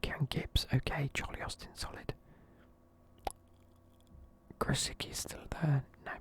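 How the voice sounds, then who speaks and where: A young man whispers close to the mic throughout, sleepy and offhand. His voice sits at a middling pitch, and the rough, casual swearing gives it a relaxed, late-night feel. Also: a little slow. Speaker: video creator. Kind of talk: whispered football team review.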